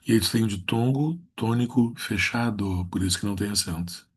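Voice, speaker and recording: A man, teaching Portuguese rules in a recorded lesson. He draws out each example word slowly and then states the rule in a flat tone. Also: on the low side, breathy edge.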